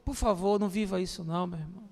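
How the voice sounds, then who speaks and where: A middle-aged male pastor preaching a lively sermon, acting out voices and calling out to his listeners. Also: high voice, rapid-fire. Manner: animated, acts out voices, calls listeners "my brother". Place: church. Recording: long church-hall reverb.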